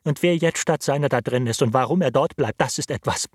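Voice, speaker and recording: A man voicing an anxious old butler, husky. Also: mid-range voice, a little fast, no echo, clean studio sound, close to an everyday voice. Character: anxious, loyal older male butler.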